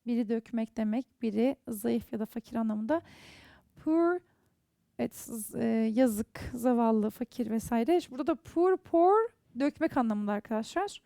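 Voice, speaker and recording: Turkish-accented woman, english teacher, high voice, mellow tone, reads words out one at a time. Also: lively intonation, gravelly, no echo, clean studio sound. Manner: slow, careful, reads out example words one by one. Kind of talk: online language lesson.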